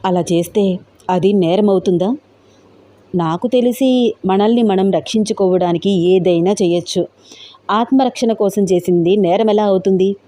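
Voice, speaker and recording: A woman's voice: medium pitch, normal speed, warm tone, lightly acted. A woman voicing a young woman, an anxious friend who keeps pressing with worried questions in a storybook tale. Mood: puzzled.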